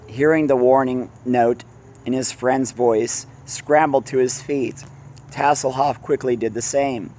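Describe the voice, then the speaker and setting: Guy reading a fantasy book out loud, slow, gravelly, keeps going off on tangents and correcting himself. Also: mid-range voice, a little hiss or hum. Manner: breaks off with laughs and personal tangents; stumbles and self-corrects while reading. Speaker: reader of a fantasy novel. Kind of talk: casual read-aloud with rambling asides.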